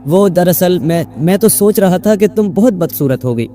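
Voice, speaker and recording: Male reader doing a timid, stuttering elderly mullah in a storybook, mellow tone. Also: sits high, lively intonation, soft background music, voice pushed up. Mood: flustered. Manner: stammering and flustered.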